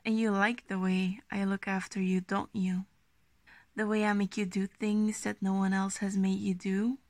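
A woman doing an ASMR role-play as an affectionate, gently dominant girlfriend, speaking slowly and intimately in a coaxing half-soft voice. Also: mid-range voice, little pitch movement, no room sound, natural voice. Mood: coaxing, possessive. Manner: slow, breathy, intimate, soft-spoken, coaxing.

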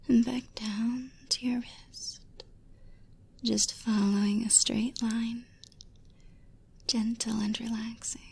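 A woman giving a drawn-out, seductive whispered hypnosis, telling the listener to sink deeper. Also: gravelly, breathy edge.

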